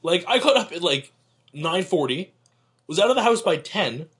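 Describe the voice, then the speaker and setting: A man's voice: high voice, very animated, normal speed, fairly bright tone, breathy edge. A young man co-hosting a casual podcast chat, rambling and joking and often restarting his sentences. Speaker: podcast co-host.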